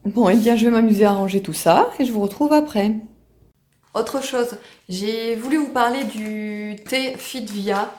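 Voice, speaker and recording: A woman's voice: fairly high pitch, unhurried, darkish tone, reverberant, a little hiss or hum. A woman chatting casually to the camera in a home vlog, full of fillers and restarts. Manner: chatty, many fillers and restarts, fond baby talk to pets and baby. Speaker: family vlogger.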